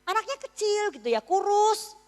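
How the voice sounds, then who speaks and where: A woman preaches in a church, her high voice carrying through a long, ringing reverb. She tells her story in a chatty, teasing way, often checking in with the congregation. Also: very animated, normal speed, a little mellow. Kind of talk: sermon.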